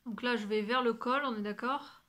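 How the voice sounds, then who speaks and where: A woman's voice: a little high, fairly even intonation, normal speed, fairly bright tone. A woman chatting casually about her sewing and knitting projects, rambling, swearing now and then, and sometimes dropping to a whisper. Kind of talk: casual chat to camera.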